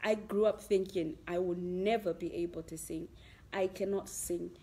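A woman's voice: on the low side, fairly even intonation, normal speed, mellow. A woman hosting a casual interview chat, laughing often and mixing Shona words into her English. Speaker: host.

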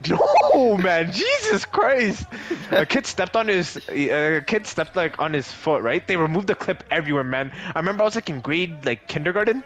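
A man's voice: fairly high pitch, lively intonation, fairly quick, hardly any pauses, fairly bright tone. A young man bantering over a game in casual, profane street slang, joking around. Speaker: gamer on a YouTube channel.

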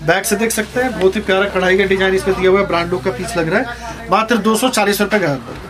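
A man who owns a jeans shop, giving a sales pitch and listing prices, fabrics and sizes as he shows each item. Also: steady tone, fast, a crowd in the background. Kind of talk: sales pitch showing products. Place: garment shop.

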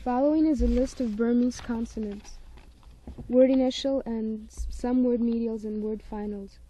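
A woman's voice: fairly high pitch, fairly even intonation, normal speed, warm tone, breathy edge, poor audio. A woman working as a linguist, leading a phonetics word-list recording with plain, methodical prompts.

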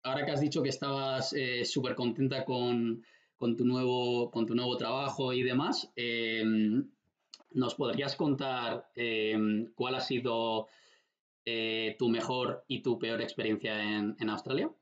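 A young man hosting a casual interview over a video call with a headset, relaxed and quick to offer short backchannels. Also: medium pitch. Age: young adult. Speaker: interview host. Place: small room indoors. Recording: dull echoey video call audio.

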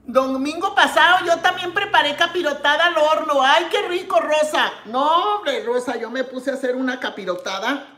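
A woman's voice: high voice, moderate pace, few pauses, bright, forceful tone, reverberant. A woman from Mexico hosting a live cooking stream, tasting her dish with contented hums and greeting viewers by name. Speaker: cooking show host.

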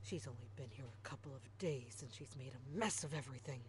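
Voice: mid-range voice, a little fast, close to an everyday voice. A performer voicing a harsh, impatient housekeeper in a horror game who scolds in an exasperated manner. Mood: scolding.

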